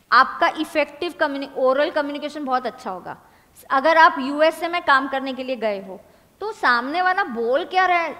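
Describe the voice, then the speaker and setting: A woman teacher giving a lecture, dictating points slowly and repeating them for her students to write down. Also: high voice, bright, forceful tone. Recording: long hall reverb.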